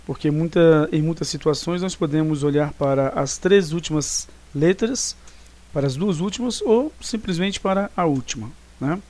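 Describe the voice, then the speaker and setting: A man's voice: a little high, moderate pace, a little mellow. Brazilian man teaching a grammar lesson. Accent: Brazilian Portuguese. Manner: explanatory, frequent "né" and "tá" checks. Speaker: Portuguese teacher. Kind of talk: recorded online grammar lesson.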